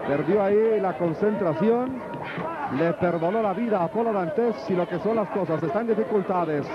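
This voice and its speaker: A man's voice: high-pitched, normal speed. A Mexican man calling lucha libre play-by-play in live commentary. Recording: muffled old TV tape, noisy arena crowd.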